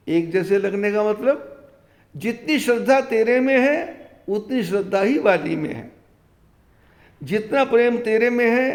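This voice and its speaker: Brief: high, unhurried male preacher chanting verses, long reverberant hall. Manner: retells scripture, chanting verses slowly. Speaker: spiritual teacher. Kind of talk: devotional storytelling discourse.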